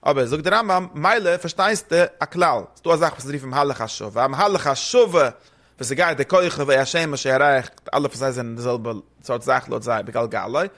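A man's voice: medium pitch, fairly bright tone. A man explaining a religious text in casual study talk, rambling and slipping between languages. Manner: rambling, fast, mixes German with Hebrew and English terms.

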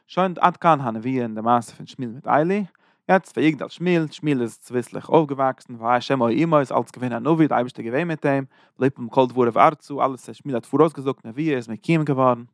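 A man's voice: a little fast, no echo, clean studio sound. A man retelling a scripture passage as a religious teacher, acting out the quoted speech in a raised voice. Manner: storytelling, acts out quoted speech with lifted pitch.

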